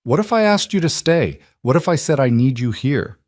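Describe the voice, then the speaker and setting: A man's voice: medium pitch, expressive, normal speed, darkish tone, dry recording, clean studio sound, voice pushed up, natural voice. A man voicing an anxious single father who pleads desperately. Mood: pleading.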